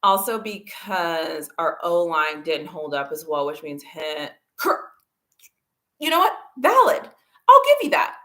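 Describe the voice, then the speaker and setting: An animated woman hosts a casual sports livestream and talks straight to her chat. She argues with emphatic repetition, and her voice swings widely in pitch. She sits at a middle pitch for a woman. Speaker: livestream host. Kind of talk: casual football talk livestream.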